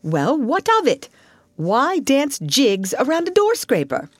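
A woman's voice: sits high, wildly swooping pitch, slow, dry recording, studio quality, pitched above the performer's own voice, heavily acted. A woman voicing a grumbling, plaintive male mole with a stubbornly literal, pettish manner in a storybook. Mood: puzzled, unimpressed. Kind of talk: storybook character voice.

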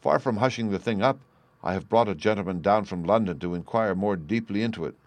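A man's voice: lowish voice, fast, no echo, pitched above the performer's own voice, close to an everyday voice. A stern older banker from a period storybook, played by a male narrator. He is impatient and indignant, pressing his words hard in a raised voice. The recording is dry. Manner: emphatic, indignant.

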